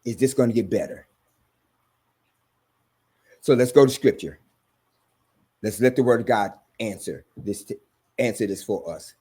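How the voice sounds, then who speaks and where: A man's voice: lowish voice, a little slow, pauses often, dark tone, husky. A man hosting a sermon-style commentary, talking in an emphatic, repetitive preaching cadence. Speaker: host.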